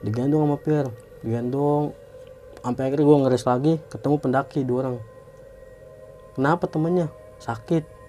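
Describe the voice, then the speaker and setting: A man's voice: mid-range voice, fairly even intonation, normal speed, long pauses, warm tone, soft background music. A young man from Indonesia casually telling a true story, slangy, acting out the quoted voices.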